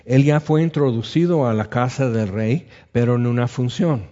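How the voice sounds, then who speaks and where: A man preaching a sermon, telling the story in a lively way with acted-out voices, in a dull lo-fi recording. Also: medium pitch, normal speed.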